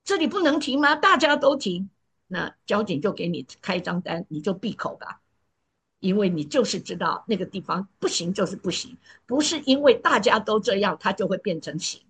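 Woman, sermon, earnest and emphatic, very breathy husky voice, soft pleading drops. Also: medium pitch, moderate pace. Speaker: preacher.

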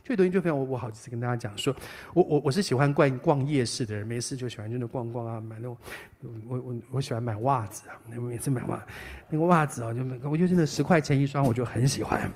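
A middle-aged man preaching a sermon as pastor, animated and emphatic, often repeating his phrases. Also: mid-range voice, racing.

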